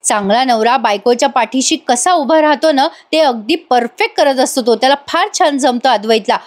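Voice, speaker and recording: A woman's voice: high voice, lively intonation, moderate pace. A woman narrating a casual, chatty recap of a TV serial episode as a voice-over, talking straight to viewers. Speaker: TV serial reviewer.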